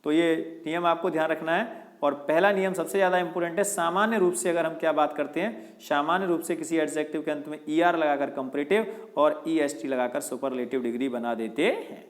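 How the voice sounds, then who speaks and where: A man teaches grammar in a patient, methodical way. He keeps asking short questions and answering them himself. His voice sits a little high for a man. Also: fairly quick. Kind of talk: grammar lesson.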